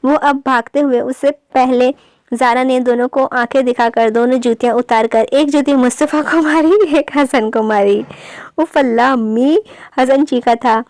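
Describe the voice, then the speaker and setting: A woman narrating a romance novel aloud in an even storytelling read. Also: high-pitched, dry recording. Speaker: audiobook narrator.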